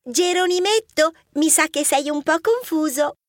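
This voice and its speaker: A woman's voice: high voice, lively intonation, unhurried, no echo, clean studio sound. A woman voicing a cheeky, playful young girl mouse in an audiobook, with a teasing manner.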